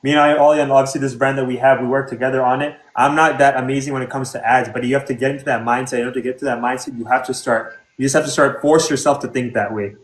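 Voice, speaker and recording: A man's voice: mid-range voice, steady tone, quick pace, few pauses. A man hosting a livestream, giving direct coaching advice in casual chat. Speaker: livestream host. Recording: echoey room.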